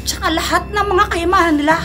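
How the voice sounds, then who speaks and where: A woman voicing a scheming, greedy stepmother who bosses her daughters around in an animated story. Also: very high-pitched, fast, soft background music. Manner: bossy, plotting.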